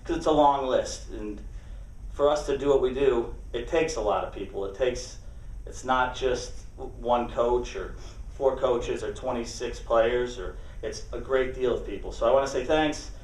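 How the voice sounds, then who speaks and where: A man speaking as a coach at a banquet, giving an informal, off-the-cuff speech in a halting way. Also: medium pitch, a little mellow. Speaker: college soccer coach. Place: large banquet room, speaking to a gathering. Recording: roomy echo, distant microphone.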